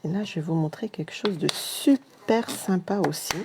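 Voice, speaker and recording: A woman's voice: lowish voice, moderate pace, noisy background. A woman with a Marne French accent hosting a live craft demonstration, talking straight to her viewers in a chatty way. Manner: chatty, often talks straight to the viewers with "regardez" and "hein". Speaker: craft tutorial host.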